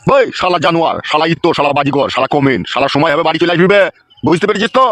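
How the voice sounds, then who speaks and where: A man doing a fed-up village father in a cartoon. His voice sits a little high, and he rants and curses at a breakneck pace, endlessly complaining. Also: expressive, racing, very noisy, close to an everyday voice. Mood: ranting. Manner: ranting, coarse, complaining. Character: exasperated cursing middle-aged father. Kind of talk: cartoon voice acting.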